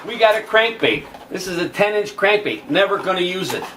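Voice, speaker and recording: A man's voice: high-pitched, lively intonation, fairly quick. A man hosting a fishing show, chatting casually and explaining step by step while he shows lures. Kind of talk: casual chat. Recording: picked up from a distance, faint background noise.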